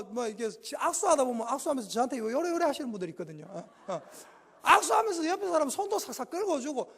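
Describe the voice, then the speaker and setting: A male pastor with a Gyeongsang Korean accent preaching a Sunday afternoon sermon in a folksy, animated way, prompting the congregation to answer. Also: very high-pitched, breathy edge. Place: church sanctuary. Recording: reverberant church hall.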